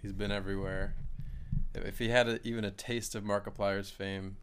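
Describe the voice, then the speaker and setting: A man's voice: on the low side, little pitch movement, normal speed, a bit bright, slight background noise. A young man co-hosting a casual podcast, blunt and joking, with a dry sense of humor. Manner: blunt, dry jokes, laughs often. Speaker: podcast co-host. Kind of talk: casual chat.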